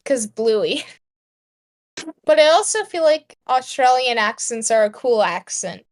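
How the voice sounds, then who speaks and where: A woman's voice: a little high, expressive, measured pace. A young woman with a slight Southern US accent co-hosting a podcast, friendly and steering the chat. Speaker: podcast co-host.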